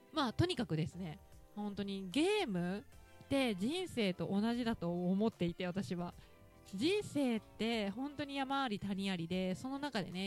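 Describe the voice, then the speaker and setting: Chatty Ehime-accented woman host, bright lively lilt, quick to laugh, faint music bed. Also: medium pitch. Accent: Ehime Japanese. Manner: laughs often, chatty and teasing. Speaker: podcast host talking with her daughter. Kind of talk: casual talk radio chat.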